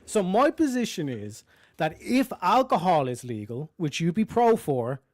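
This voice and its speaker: A man with a high-pitched voice argues his side in a heated online debate. He talks in a tumbling rush full of restarts and repeated checks with the listener. The sound is close and dry, with no room around it. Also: big pitch swings, dry recording. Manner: rapid, repetitive, stumbling restarts, keeps asking "you know what I'm saying".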